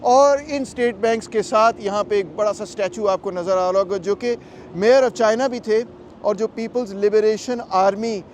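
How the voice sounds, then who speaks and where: High-voiced man vlogging on the go. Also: normal speed, slight background noise. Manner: lively, explains to the camera. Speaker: vlogger and political commentator. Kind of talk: casual travel vlog narration.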